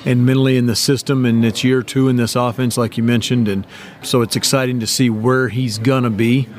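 Even-toned male football coach. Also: mid-range voice, brisk. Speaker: college football head coach. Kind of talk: interview answer.

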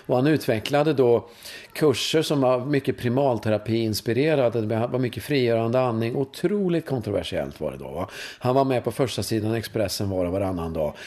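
A man in his fifties from Sweden, a course leader being interviewed, telling stories in a lively way with frequent tag questions and swearing. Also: mid-range voice. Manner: animated storytelling, frequent "va?" tags, swearing. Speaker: guest, course leader in sexuality and breathwork. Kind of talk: conversational interview.

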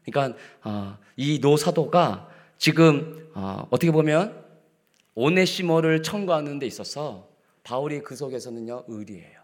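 Middle-aged male pastor, lively sermon, mid-pitched voice, plays out quotes with humor, drops to whispers. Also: unhurried. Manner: swings from loud acted rebukes to hushed whispers; acts out quoted lines with playful humor. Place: church sanctuary.

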